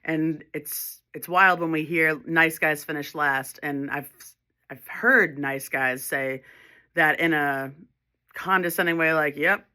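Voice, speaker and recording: A woman's voice: low voice, steady tone, slow, pushed and bright. A woman speaking as a holistic life coach in a reflective self-help monologue, earnest and encouraging, often restarting her phrases.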